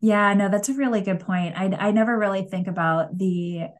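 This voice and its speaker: A woman hosting a podcast, talking in a relaxed, chatty way with plenty of fillers. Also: mid-range voice, normal speed. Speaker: podcast host. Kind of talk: casual conversational interview.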